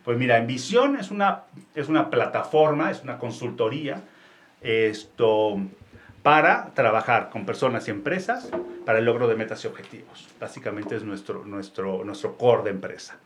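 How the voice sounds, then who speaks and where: A man's voice: mid-range voice, animated, moderate pace. Mexican man explaining coaching. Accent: Mexican Spanish. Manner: explanatory, with frequent restarts and tag questions. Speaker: executive coach, company founder. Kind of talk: casual interview talk.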